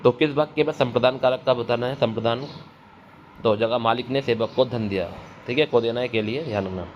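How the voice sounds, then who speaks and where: The recording is dull and lo-fi with a faint hiss, featuring a man of medium pitch speaking briskly. He's teaching grammar for an exam, repeating the important terms and answering the questions he raises himself.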